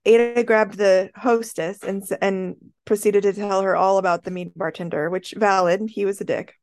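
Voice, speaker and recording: A woman co-hosting a podcast, telling an animated story in casual chat and laughing often. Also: mid-range voice, moderate pace, dry recording, studio quality. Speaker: podcast co-host.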